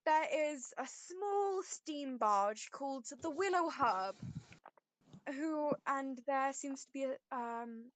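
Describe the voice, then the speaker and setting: A woman narrating as game master of a tabletop game, relaxed, with many ums and pauses. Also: sits high, dry recording, rough recording.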